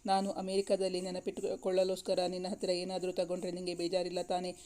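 A woman's voice: lowish voice, monotone, quick pace, dark tone, natural voice. Woman voicing a tender young lover Virat.

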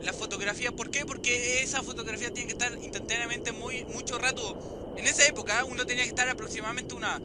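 Jumpy guy screaming and cursing through a horror game, really high lively voice, loud noise in the back. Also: fast talker. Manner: easily scared, screaming and swearing. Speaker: gamer, video host. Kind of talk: horror game let's-play commentary.

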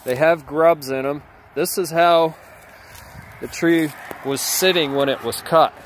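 A chainsaw carver in his thirties films a casual how-to vlog on a handheld phone, rambling easygoingly about his wood as he moves through his cluttered workshop and yard, partly outdoors. His voice is on the high side, steady in tone and measured in pace, with a little hiss or hum.

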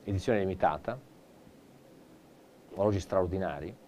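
A male presenter giving a live TV shopping pitch, theatrical and enthusiastic, turning often to an off-screen colleague. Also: moderate pace, a little mellow. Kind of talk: live teleshopping sales pitch.

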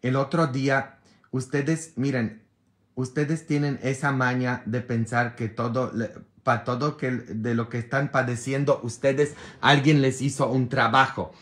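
A man's voice: medium pitch, little pitch movement, measured pace, a bit bright. A man, a priest with a sore throat, chatting casually and jokingly with his followers, sometimes exasperated. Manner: joking, exasperated, mixes jokes with advice.

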